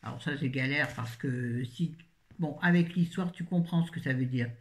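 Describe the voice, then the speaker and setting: A woman's voice: a bass voice, normal speed. A middle-aged woman from France chatting casually about books she has read, rambling, correcting herself and dropping jokey asides. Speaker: book reviewer. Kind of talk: casual book review chat.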